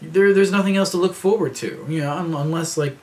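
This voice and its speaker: A man's voice: on the high side, brisk, slight background noise. A man in his thirties rambling casually to camera in a vlog, with lots of fillers and restarts. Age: 30s. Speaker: vlogger.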